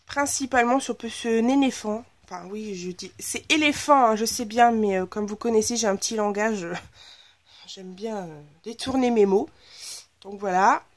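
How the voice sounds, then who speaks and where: A woman's voice: mid-range voice, moderate pace. A woman with a slightly blocked, nasal voice, chatting enthusiastically in a casual haul video about her new craft supplies. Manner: chatty and enthusiastic, gushing over purchases. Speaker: scrapbooking vlogger.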